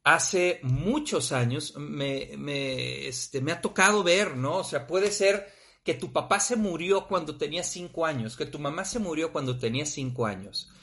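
A man's voice: on the high side, measured pace. A man with a Mexican accent, talking bluntly and casually about grief, with frequent swearing. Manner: blunt, profane, animated. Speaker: podcast host.

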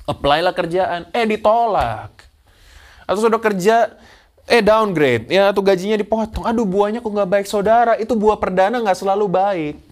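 A male pastor preaching a sermon, mixing English phrases into his talk and driving points home with repetition, amens and hallelujahs. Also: high-pitched. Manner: mixes English phrases into preaching, calls congregation "saudara"; energetic, emphatic repetition with amen and hallelujah.

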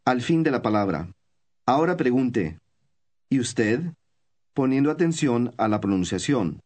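A man of middle pitch leads a recorded language lesson. He reads scripted prompts calmly and evenly, explaining pronunciation and telling the learner what to say next. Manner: calm, measured prompts to the listener. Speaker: course instructor.

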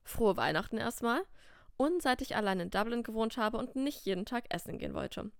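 A woman's voice: on the high side, animated, fairly quick, gravelly, dry recording, clean studio sound. A woman reading a shy young man's lines. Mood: friendly. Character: shy, tidy young man writing love letters. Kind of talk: reading dialogue in a storybook.

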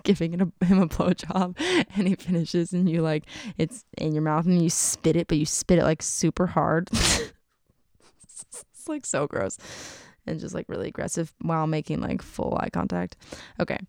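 A woman's voice: low voice, normal speed, dark tone, dry recording, studio quality. A young adult woman chatting casually on her own channel, giggling often and filling her talk with "like". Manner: chatty, giggly, full of filler "like". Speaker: YouTuber. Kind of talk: casual chat.

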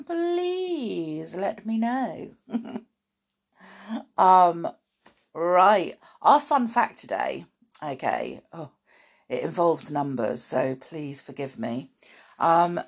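Still croaky from the morning, this children's podcast host and storyteller opens her story show slowly, her gravelly voice bouncing in pitch. Her talk is warm and chatty with the children, packed with side comments, ums, and small laughs.

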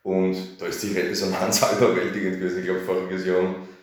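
A man speaks in a low voice, easy and chatty. He explains his festival with loose, rambling sentences and keeps tossing in little tags to draw agreement. The room around him rings with strong echo. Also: monotone, fast. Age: 30s. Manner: chatty, filler-heavy, asks for agreement. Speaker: festival organizer. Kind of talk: casual radio interview. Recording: very echoey room.

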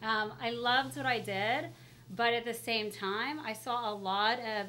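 A woman's voice: on the high side, fairly even intonation, measured pace, sharp tone, a little hiss or hum. A middle-aged woman chatting casually as a pediatrician guest in an interview, speaking through a face mask. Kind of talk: casual interview, telling career story.

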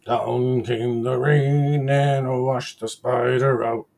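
A man delivers a children's nursery rhyme at a slow pace. His mid-pitched voice is gravelly with fry. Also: a little mellow.

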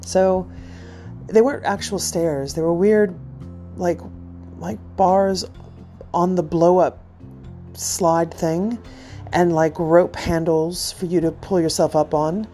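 Woman podcaster, casual storyteller, rambling and self-mocking, slightly lowish voice, faint music underneath. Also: steady tone, slow pace, pauses often, dark tone. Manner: rambling, self-deprecating, chatty. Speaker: podcast host.

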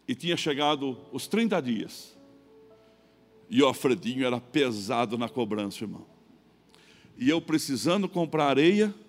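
A middle-aged pastor with a Brazilian Portuguese accent preaching a sermon, telling a personal story and acting out both sides of the dialogue. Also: male voice, mid-range voice. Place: church.

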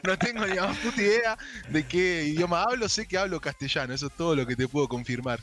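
A man in his forties with a mixed Argentine and Chilean accent, chatting as a podcast guest over a remote call, relaxed and jokey, swearing casually, with faint music behind. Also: a little high, fast.

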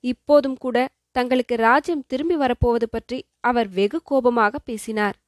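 A woman's voice: on the high side, fairly even intonation, normal speed, no echo, studio quality, close to an everyday voice. A woman voicing a fearful, tearful young princess in a storybook reading. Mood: sorrowful. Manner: sorrowful, sobbing.

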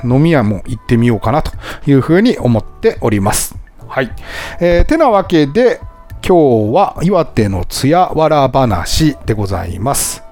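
A man's voice: medium pitch, a little mellow. A man hosting a casual travel podcast, chatting and often laughing at his own stories. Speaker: podcast host and travel Instagrammer.

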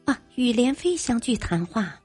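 A woman voicing an evasive young noblewoman who answers her husband softly with lies. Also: a little high, sing-song, moderate pace, slightly rough, faint music behind, voice pushed up.

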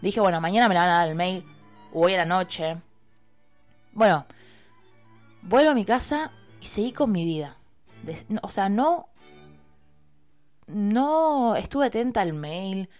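A young woman with an Argentine Spanish accent, a university student telling a personal story in a casual, expressive, chatty way and swearing freely. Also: medium pitch, a little slow, pauses often, soft background music. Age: young adult.

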